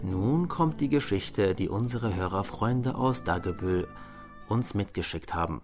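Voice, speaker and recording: A man reading listener letters and a story on air as a radio presenter, in a measured, formal way. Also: on the low side, animated, darkish tone, soft background music.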